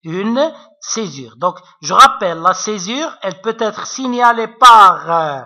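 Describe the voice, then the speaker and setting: A man teaching a recorded literature lesson, hesitant and full of fillers, often pausing to check that his students follow. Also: high voice, lively intonation, bright, forceful tone. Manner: hesitant, many fillers, keeps checking understanding. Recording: dull lo-fi recording.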